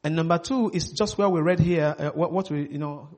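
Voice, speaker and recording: A man's voice: fairly high pitch, a little fast, a little mellow. A man preaching a sermon line by line for an interpreter, emphatic, repeating phrases and leaning on filler words.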